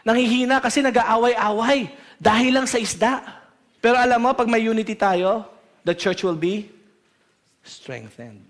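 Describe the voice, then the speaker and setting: High-voiced Filipino pastor preaching. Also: male voice, animated, moderate pace. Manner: switches between English and Tagalog, asks the congregation questions. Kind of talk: sermon.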